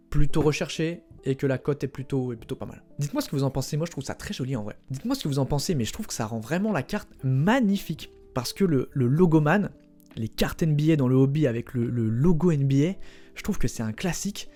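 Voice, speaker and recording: A man's voice: mid-range voice, warm tone. A young man hosting a casual explainer vlog, chatting directly to viewers in a playful way and tossing in spoken sound effects. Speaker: trading card collector and channel host.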